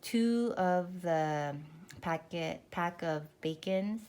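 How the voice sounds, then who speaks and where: A woman's voice: on the low side, drawn-out words, a little mellow, clean tone. A woman vlogger casually showing her fridge, pantry and garage freezer, slightly out of breath after a workout and filling her talk with "like" and "um.". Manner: chatty, lots of fillers like "like" and "um". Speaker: family vlogger. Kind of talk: casual home tour narration. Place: home kitchen, pantry and garage.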